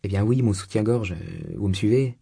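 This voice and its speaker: A man's voice: low-pitched, fairly even intonation, fairly quick, warm tone, husky, no room sound, clean studio sound. A man voicing a prickly young hunchbacked locksmith woman. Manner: blunt, suspicious and touchy.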